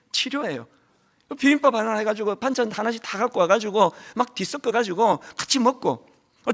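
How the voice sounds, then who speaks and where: A middle-aged male pastor preaching a sermon, telling stories animatedly and acting out quotes, with a lingering cold. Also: very high-pitched. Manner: animated storytelling with acted quotes.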